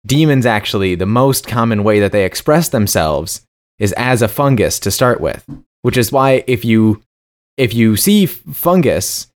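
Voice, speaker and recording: A man's voice: lowish voice, lively intonation, normal speed. Playful man co-hosting a comedy chat. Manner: playful, mock-serious, stumbles over tongue twisters. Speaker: podcast co-host.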